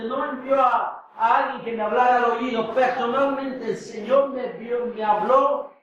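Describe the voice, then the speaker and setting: High-voiced preaching man in echoey hall. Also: dull audio. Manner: preaching, shouts at peaks. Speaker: pastor. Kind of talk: sermon.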